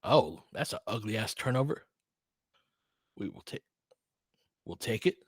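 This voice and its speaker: A podcast host gives loose, casual basketball play-by-play live in short clipped bursts, answering chat as the game goes on. His voice sits lowish and is slightly rough, expressive but unhurried. The recording is dry and studio-clean.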